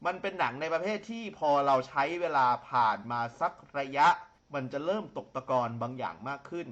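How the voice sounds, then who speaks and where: Man, quick measured film talk, slightly high voice, dull audio. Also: expressive, a bit bright. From Thailand. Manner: measured, explains point by point. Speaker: film reviewer co-host. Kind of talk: casual podcast chat.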